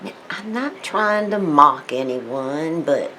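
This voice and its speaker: Slow-talking, rambling woman vlogger. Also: sits low, animated, pushed and bright, a little hiss or hum. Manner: rambling, digressive, with many fillers and restarts; playful, switching between put-on accents. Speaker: tarot storyteller vlogger. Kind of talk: casual rambling vlog talk.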